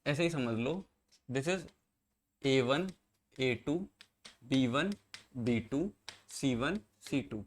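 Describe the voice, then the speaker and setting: A man's voice: medium pitch, lively intonation, extremely slow, pauses often. Man teaching a classroom lecture. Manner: explains step by step, asks students questions. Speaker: engineering exam teacher.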